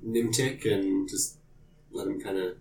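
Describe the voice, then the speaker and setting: A man's voice: sits low, fairly even intonation, a little slow, a little mellow. A man playing a tabletop game, chatting and bantering casually with the other players. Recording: distant mic, clear room noise.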